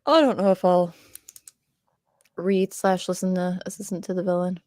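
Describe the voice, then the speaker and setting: A young woman co-hosts a casual chat between friends, rambling along at a normal pace and saying "like" constantly. Her voice is fairly low, mellow and steady. The recording is dry and studio quality.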